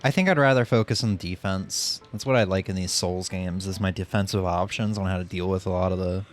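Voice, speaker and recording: A man streaming a video game, chatting casually and reading the on-screen text aloud in a steady narrating tone. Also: low-pitched, fairly quick, soft background music.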